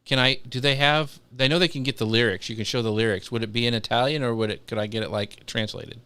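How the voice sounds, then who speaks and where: A man's voice: medium pitch, steady tone, quick pace, pushed and bright, clean tone, dry recording. A man co-hosting a live podcast, chatty and rambling, with many ums and restarts. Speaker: podcast co-host. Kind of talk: casual live podcast chat.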